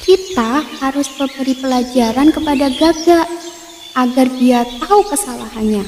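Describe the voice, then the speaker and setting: A woman voicing small, eager sparrows in a storybook, in a bright, excited voice above her narration. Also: high-pitched, normal speed, in a large hall, slight background noise, natural voice. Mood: determined. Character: small eager sparrows, cheerful but worried.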